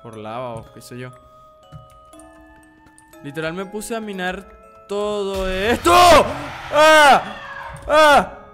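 A young man talks over his gameplay in a slangy, swearing way, jumpy and easily spooked. His voice sits a little high and he speaks slowly, drawing out his words. Faint game music plays behind him. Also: very animated, a bit bright. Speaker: gaming YouTuber. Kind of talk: let's play commentary.

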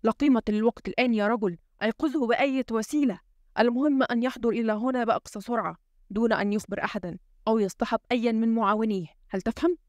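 A woman's voice: on the high side, very fast, no echo, natural voice. A woman voicing a tense, suspicious male head of state who mutters urgently and gives commands in an audiobook reading. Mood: commanding.

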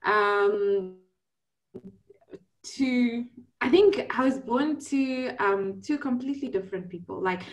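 A woman's voice: a little high, slow, pauses often. A South African woman in her thirties telling her story as a guest on a video call, giggly and easygoing, from a small room on a laptop mic. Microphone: laptop webcam on video call.

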